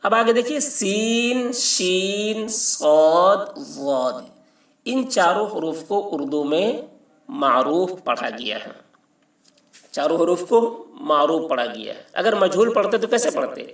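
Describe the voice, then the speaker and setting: A man teaching a patient alphabet lesson, slowly spelling out and repeating each letter. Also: fairly high pitch, very animated, distant mic. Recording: echoey room, mic set back.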